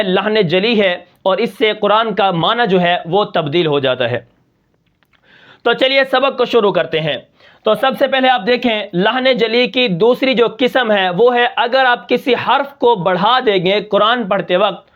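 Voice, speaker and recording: A man teaching Quran recitation rules, asking and answering his own questions, reciting example words slowly and drawn out. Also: high-pitched, lo-fi sound. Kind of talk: tajweed lesson.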